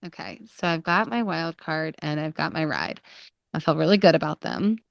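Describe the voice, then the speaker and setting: A woman's voice: sits low, expressive, moderate pace, vocal fry, no echo, dull audio. A woman chatting casually as a panelist in a gushing, enthusiastic manner. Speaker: panelist in a theme park draft game. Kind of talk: casual chat.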